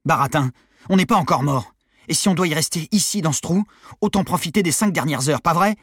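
A man voicing a brash, foul-mouthed teenage girl who shouts and rants in a high, raised voice. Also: fairly quick, breathy edge, dry recording, studio quality. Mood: nervy ranting. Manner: shouting, loud and pushy.

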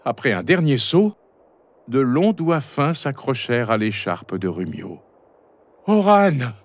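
Lively male storybook narrator. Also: mid-range voice, a little slow. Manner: expressive, storytelling cadence. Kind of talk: children's storybook reading.

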